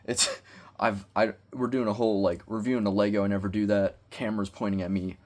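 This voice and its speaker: A man's voice: lowish voice, flat delivery, fairly quick. A young man vlogging from his bedroom, rambling awkwardly and joking at his own expense in loose slang as he reviews a toy. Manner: awkward, self-deprecating, slangy. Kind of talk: casual rambling vlog. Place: bedroom with bookshelves.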